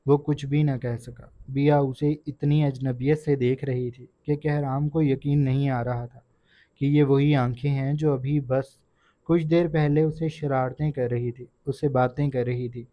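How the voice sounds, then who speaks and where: A man narrates a romance novel in an earnest, steady storytelling manner. His voice sits at a middle pitch. The recording is dull and dry, with no room sound. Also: no room sound. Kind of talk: audiobook narration.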